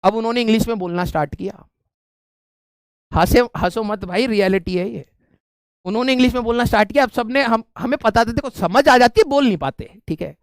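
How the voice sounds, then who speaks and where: Very high-voiced young man telling a story. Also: fairly quick, smooth, no room sound, studio quality. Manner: animated, keeps saying "ठीक है". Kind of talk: casual storytelling to viewers.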